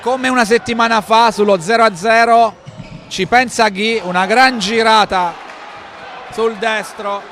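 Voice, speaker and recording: Male sports commentator, high voice, shouted excited goal calls, audible sports-hall noise. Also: a little slow. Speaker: futsal match commentator. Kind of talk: live Italian sports commentary.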